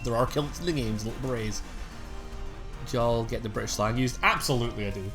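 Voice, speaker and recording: A man's voice: medium pitch, a little fast. A man with a Scottish accent chatting in a rambling, laid-back way while streaming a video game. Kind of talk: casual chat while gaming. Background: game music.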